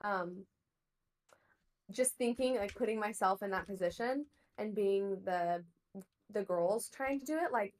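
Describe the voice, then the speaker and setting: A woman's voice: mid-range voice, unhurried, long pauses. Easygoing woman with a Southern US accent. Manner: easygoing, laughs between thoughts. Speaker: former contestant guest. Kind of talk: casual recap chat.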